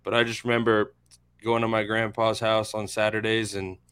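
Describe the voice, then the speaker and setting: A man's voice: lowish voice, little pitch movement, moderate pace, fairly bright tone, smooth. A man in his thirties from central Florida with an American accent, chatting casually about sports as a panelist. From central Florida, USA. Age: 30s.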